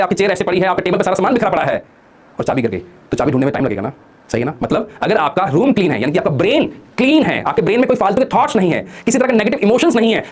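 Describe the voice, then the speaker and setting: A man giving a motivational study talk to exam students, firing rhetorical questions and answering them himself, coaxing listeners to join in. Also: high voice. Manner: coaxes listeners to join in and comment.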